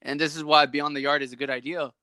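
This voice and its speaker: A man's voice: fairly high pitch, level tone, fast talker, sharp tone, clean tone, no echo. A young man hosting a podcast over a video call, chatting casually and rambling animatedly with lots of "like" fillers. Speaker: podcast host. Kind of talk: casual chat.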